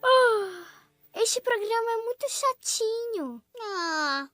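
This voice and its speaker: A woman voicing a lively, eager young girl piglet in a children's cartoon dub, with childlike delivery. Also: extremely high pitch, slow pace, no echo, faint music behind, full character voice. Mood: playful. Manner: childlike, pleading and exclaiming.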